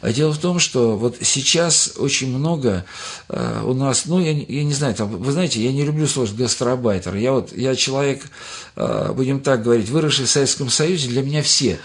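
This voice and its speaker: A retired older man answers interview questions as a doctor. His voice is husky, with a middling pitch, and he rambles, stops to restart phrases and fills gaps with hesitations. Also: lively intonation, normal speed.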